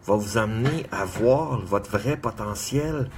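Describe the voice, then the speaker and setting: A man's voice: on the low side, noisy background. Earnest man urging self-confidence. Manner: earnest, repetitive exhortations with measured pauses; greets viewers by name. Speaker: motivational speaker. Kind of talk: motivational monologue to viewers.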